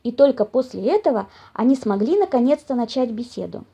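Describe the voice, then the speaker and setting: A woman reading a children's storybook aloud in an expressive, animated way. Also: a little high, fairly quick, creaky, husky. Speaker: narrator. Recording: dull lo-fi audio.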